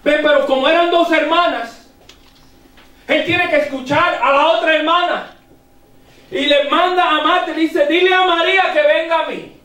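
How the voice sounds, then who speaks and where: Preacher guy, really high voice, shouting parts of his sermon, echoey church from far away. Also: moderate pace. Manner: animated preaching, rising to shouts, checks in with the congregation. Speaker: pastor. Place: church sanctuary.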